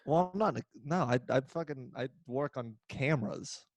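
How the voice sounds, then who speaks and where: A man's voice: medium pitch, moderate pace, no room sound. A man hosting a casual podcast over a video call, sarcastic and swearing freely. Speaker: podcast host.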